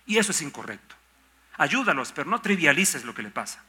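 High bright emphatic preaching man. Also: sing-song, a little fast. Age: older. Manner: emphatic preaching with rhetorical questions and mock objections. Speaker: pastor. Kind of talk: sermon.

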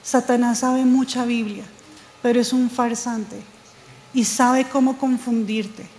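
A woman preaching a sermon, telling a personal testimony in an animated way. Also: fairly high pitch, slow, in a large hall, slight background noise, low-quality recording. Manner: animated storytelling, quoting others, laughing at herself.

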